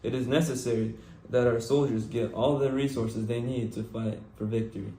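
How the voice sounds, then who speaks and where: A man playing an earnest male anchor of a 1940s newscast. He has a mellow, mid-pitched voice and a formal, scripted delivery, heard in an echoey room. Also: fairly even intonation, normal speed, recorded from a distance, close to an everyday voice.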